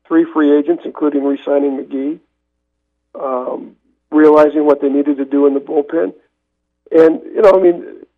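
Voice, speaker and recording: An older man, a veteran newspaper man, chatting casually as a radio guest, rambling with many restarts. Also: fairly high pitch. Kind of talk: casual radio call-in chat. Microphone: telephone. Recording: gravelly voice over a tinny phone line.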